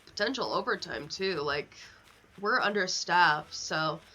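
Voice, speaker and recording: Speaking a little slowly, a young American woman with a lowish, animated, sharp-toned voice rambles through casual livestream chat while gaming. She is chatty, unfiltered and swears frequently, over a dull lo-fi mic with clear background noise.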